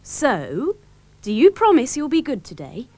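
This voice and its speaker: A woman voicing a kindly but stern dinosaur father in a storybook reading, with a gentle, measured delivery. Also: high-pitched, wildly swooping pitch, no echo, voice pushed up, exaggerated voice. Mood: gently firm.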